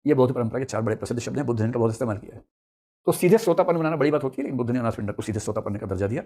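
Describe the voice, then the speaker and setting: Brisk male storyteller-teacher. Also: medium pitch. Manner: lively storyteller, acts out dialogue in asides. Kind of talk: storytelling lecture.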